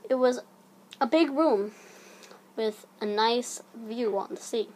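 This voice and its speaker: A woman narrating a scripted horror story in a hushed, creeping manner, breathy and sometimes sinking toward a whisper. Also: a little high, takes it slowly. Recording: audible background noise.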